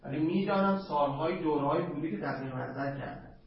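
A man teaching a seminary class on Arabic grammar. He draws quoted Arabic phrases out slowly and chants them, then talks quickly and casually to his students. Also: fairly high pitch, gravelly. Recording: dull lo-fi classroom recording with faint noise.

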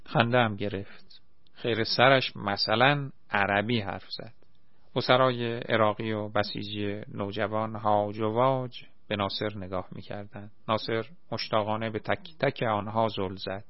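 A man reading a war memoir aloud in a measured, plain storytelling manner, in a dry, slightly muffled recording. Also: on the low side, no room sound.

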